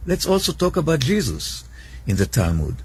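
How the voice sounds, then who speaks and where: A man from Israel giving a prepared monologue in a played video clip, measured and reading out passages. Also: on the high side, huge pitch swings, darkish tone, slight background noise.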